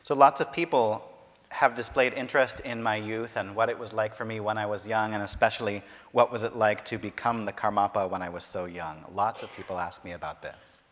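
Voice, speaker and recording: A man works as a consecutive interpreter for a speaker, rendering each passage in steady, careful formal phrasing. His voice is fairly low, and it rings with a long reverb from the large university hall. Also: brisk.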